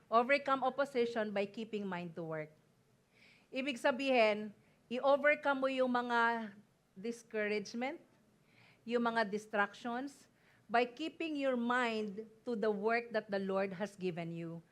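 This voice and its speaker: A woman's voice: a little high, takes it slowly. A woman pastor with a Filipino accent preaching a sermon in mixed Tagalog and English, emphatic and often calling out to the congregation for an amen. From Philippines. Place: church service before a congregation.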